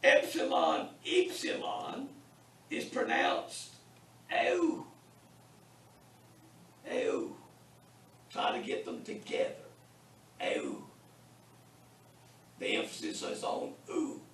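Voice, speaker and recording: A man lectures a classroom in a very high, wildly swooping voice, drawing out each sound slowly as he drills his students. He repeats himself on purpose and teases the class now and then. The recording is echoey and distant, as if taped from the back of the room, with a faint hiss underneath. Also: big pitch swings, vocal fry, fairly bright tone. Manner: slow deliberate drilling with repetition; wry, teasing humor with students. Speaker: Bible college Greek teacher. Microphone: distant room mic.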